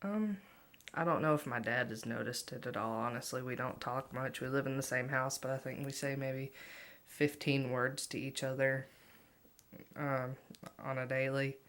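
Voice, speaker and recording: A woman's voice: rumbling low, fairly even intonation, moderate pace, fairly bright tone. A woman in her twenties chatting casually to viewers in a rambling, self-deprecating, offhand way. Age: 20s. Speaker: vlogger.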